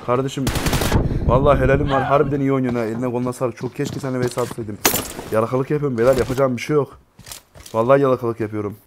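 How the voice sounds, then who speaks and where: A man's voice: mid-range voice, steady tone, very fast, very noisy. A man streaming a mobile game who talks to his viewers in an exasperated way and keeps swearing oaths. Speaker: gaming streamer. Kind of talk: live mobile game commentary. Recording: gameplay gunfire in background.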